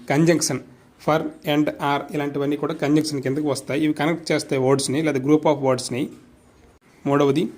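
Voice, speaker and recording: A man's voice: a little high, darkish tone. A man with a Telugu accent teaching an exam revision lesson. He reads out quiz questions and their answers and explains them, moving between English and Telugu.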